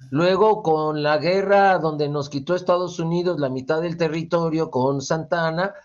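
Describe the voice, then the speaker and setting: Lively Mexican man, high voice. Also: lo-fi sound. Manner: lively, teacherly, playful, asks rhetorical questions. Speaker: guest expert. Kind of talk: animated explanatory talk.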